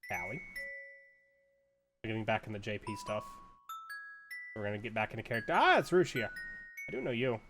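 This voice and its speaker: A man's voice: lowish voice, brisk, pauses often, over music. A man hosting a card-opening video, talking in a casual, rambling way, stammering and laughing to himself as he sorts cards. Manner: rambling, self-mocking, laughs and stammers while sorting cards. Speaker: card-opening channel host. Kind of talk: casual unboxing commentary.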